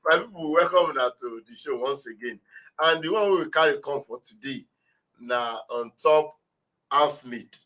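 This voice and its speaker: A man's voice: mid-range voice, moderate pace, pushed and bright. A Nigerian man hosts a casual talk show. His voice sits in an ordinary male register, and he speaks in a chatty, teasing manner. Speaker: radio show host.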